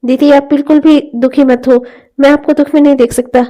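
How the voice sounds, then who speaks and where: Woman doing a loyal young cartoon guy, earnest and gentle, still a high mellow voice. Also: level tone, fairly quick, natural voice. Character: devoted young man, loyal brother, earnest.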